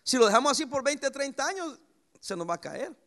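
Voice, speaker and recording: Animated high-pitched gravelly pastor preaching. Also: male voice, fairly quick. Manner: lively preaching with sudden pitch jumps and anecdotes. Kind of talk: sermon.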